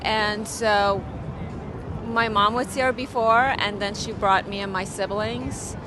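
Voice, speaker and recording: A woman's voice: mid-range voice, fairly even intonation, takes it slowly, over music. A woman from Ethiopia, answering street interview questions in a hesitant way with many fillers. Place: outdoors on a city street. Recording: noisy street with traffic.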